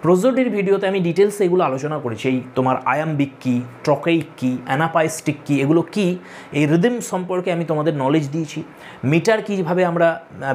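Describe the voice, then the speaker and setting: A male literature tutor lectures exam students, explaining step by step, repeating key points, and speaking to them directly to tell them to take notes. His voice is on the high side and a little mellow, with slight background noise.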